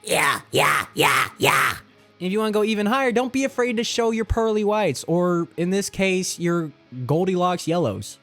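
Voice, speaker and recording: A man's voice: high voice, fairly quick, faint music behind. A man giving a casual, informal, encouraging lesson to viewers as a vocal coach. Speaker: vocal coach in metal screaming. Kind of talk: casual instructional talk to viewers.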